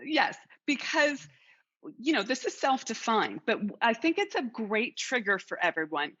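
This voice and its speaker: A woman's voice: a little high, very animated, normal speed, sharp tone, slight background noise. Woman interview host, reflective, restarts phrases; muffled lo-fi audio. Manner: thoughtful, restarts phrases, steers the talk. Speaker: podcast host. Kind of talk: casual interview chat.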